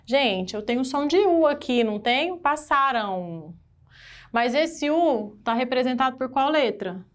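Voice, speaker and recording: Woman, Brazilian Portuguese accent, fairly high voice, lively teacher, quizzes her students. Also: normal speed. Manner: animated, asks the class questions and stresses key words. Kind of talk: exam-prep grammar lesson.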